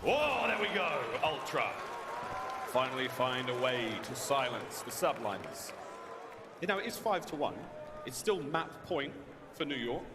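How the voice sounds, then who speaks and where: A man's voice: medium pitch, expressive, unhurried, pauses often. A man giving live play-by-play esports commentary as a caster, with dramatic, theatrical phrasing. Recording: reverberant hall, noisy background.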